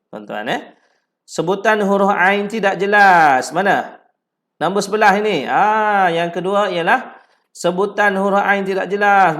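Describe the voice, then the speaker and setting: A man with a Malaysian Malay accent teaching Quran recitation, repeating words slowly syllable by syllable to correct pronunciation and breaking into drawn-out chanted verses. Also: high-pitched, a bit bright.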